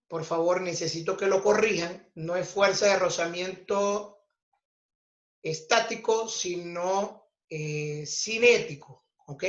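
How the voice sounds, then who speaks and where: A man with a high, somewhat bright voice teaches a physics lesson, explaining slowly and deliberately step by step. He checks in with "ok?" after nearly every point, in a roomy, dull lo-fi recording.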